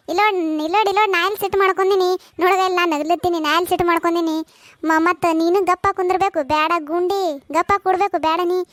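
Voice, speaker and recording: A woman voices a hot-tempered young village housewife from a comic cartoon, her voice pitched very high and her words tumbling out fast. She speaks with a North Karnataka Kannada accent and sounds squabbling and shrill. The recording is dry and close. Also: steady tone, fairly bright tone, no echo. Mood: bickering.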